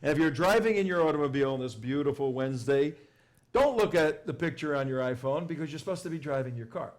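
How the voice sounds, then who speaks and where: A man's voice: on the high side, lively intonation, fast. Man, talk radio host, emphatic, sarcastic, repeats himself. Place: radio studio.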